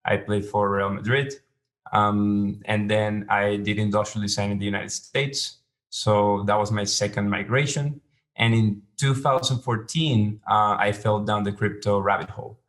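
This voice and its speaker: A Venezuelan startup founder whose first language is Spanish answers interview questions as a podcast guest. His low voice is flat, and he explains things in a measured, hesitant way.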